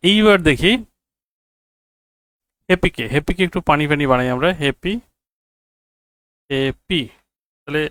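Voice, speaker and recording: A man teaching an English grammar lesson, repeating key phrases slowly and checking whether his students follow. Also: a little high, fairly bright tone, no room sound. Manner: quizzes students with rhetorical checks. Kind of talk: classroom grammar lecture.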